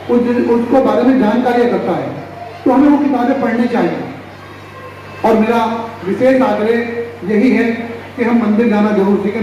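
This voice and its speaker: Man giving an earnest speech, mellow high voice, echoey and distant. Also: muffled recording, slight background noise. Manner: earnest, restarts words mid-sentence. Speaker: speaker at a community meeting. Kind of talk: public speech. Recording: distant echoey PA sound with ambience.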